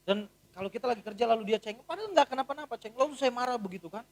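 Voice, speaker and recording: A man in his thirties, a pastor preaching a sermon in a church and telling stories with humor, often swinging from quiet to loud. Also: very high voice, racing. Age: 30s. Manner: animated, humorous storytelling with big swings in loudness.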